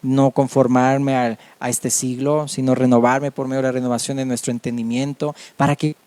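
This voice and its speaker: A man preaching a sermon as a pastor, earnest and measured, often adding amen. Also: mid-range voice, flat delivery, darkish tone, no echo.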